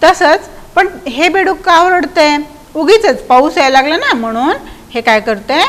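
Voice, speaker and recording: A woman teacher with a Marathi accent and a high voice gives a lesson to schoolchildren. She explains patiently, keeps asking the class questions and recites lines of verse slowly and with care. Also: a bit bright. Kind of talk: recorded classroom lesson explaining a poem to children.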